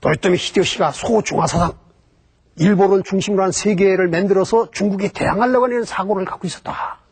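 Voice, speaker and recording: Speaking fast in a high voice with a breathy edge, a man lectures on the history of Japan. He works through it step by step, asking rhetorical questions and then supplying the answers.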